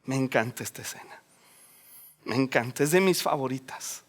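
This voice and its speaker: A man's voice: mid-range voice, normal speed. A man, preaching a sermon in an earnest, emphatic way. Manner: earnest, emphatic, acts out scripture scenes.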